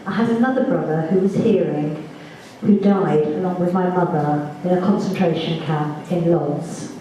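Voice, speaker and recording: A woman giving spoken first-person testimony at a reunion, measured and halting, with small restarts, in a large assembly hall on a distant mic. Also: lowish voice, background noise. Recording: echoey hall from far off.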